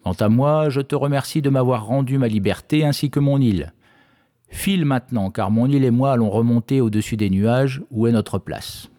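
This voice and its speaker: A man's voice: medium pitch, moderate pace, warm tone, natural voice. A man voicing a grand male dragon who speaks formally and graciously in a told fairy tale. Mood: courteous. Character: grand freed male dragon, courteous and wise.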